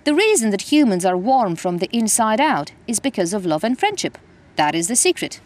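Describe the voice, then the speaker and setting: A woman's voice: mid-range voice, big pitch swings, brisk, a little mellow. A woman voicing an earnest male gold prospector addressing a crowd, for a storybook reading. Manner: speech-making, earnest.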